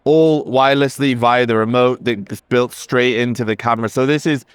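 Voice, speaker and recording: On a busy trade show floor, a company representative gives an enthusiastic, casual demo of a camera, chatting conversationally with fillers. His mid-range voice runs at normal speed with a clean tone and no echo.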